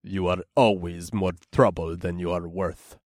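An actor playing a large, disapproving orc bartender with a gruff, hissing voice, slow and stern. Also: male voice, low voice, fairly even intonation, darkish tone, no room sound, studio quality, voice pushed down.

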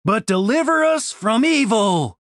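Soft earnest devout young man, voiced by a man, slow careful words, dry close sound. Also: high-pitched, sing-song, dry recording, pitched above the performer's own voice, exaggerated voice. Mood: reverent. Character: pious gentle grieving young man.

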